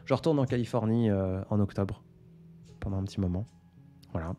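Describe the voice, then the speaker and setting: A man talking casually and reflectively on a live stream, unhurried and often pausing with hesitations. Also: on the low side, mellow. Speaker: poet and author on a live stream. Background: faint background music.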